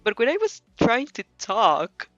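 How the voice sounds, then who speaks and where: Hosting a casual, rambling stream where she reacts to fan fiction, this young non-native English speaker giggles, hesitates and keeps correcting herself. Her voice is on the high side and a bit bright, with big pitch swings and a measured pace. There's no room sound, though her dull lo-fi mic picks up faint background music.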